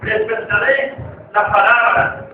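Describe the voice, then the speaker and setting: High-voiced pastor preaching in an echoey hall. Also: male voice, fairly even intonation, slow pace, loud music behind the voice. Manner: fervent preaching, often shouting. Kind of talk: sermon. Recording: distant echoey church hall, lo-fi, noisy.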